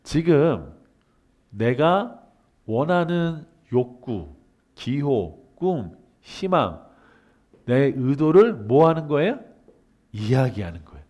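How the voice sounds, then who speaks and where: In lo-fi sound, a man with a fairly high voice speaks extremely slowly through a humanities lecture. He asks questions he then answers himself and acts out everyday dialogues in lively voices.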